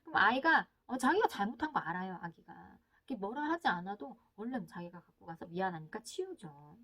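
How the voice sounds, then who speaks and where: A woman's voice: mid-range voice, slightly rough. A middle-aged woman hosting a casual talk on a book about parenting, acting out little scenes between mothers and children as she goes. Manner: lively, acts out mother and child lines in quick asides. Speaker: book channel host.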